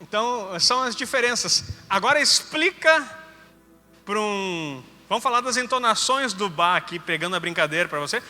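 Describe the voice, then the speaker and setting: Male preacher, Gaúcho accent, high ringing voice; chatty teaching sermon, light music under. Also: bright, forceful tone. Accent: Gaúcho Brazilian Portuguese. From Rio Grande do Sul, Brazil. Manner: conversational, joking asides. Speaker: apostle preaching. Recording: hall reverb with faint music.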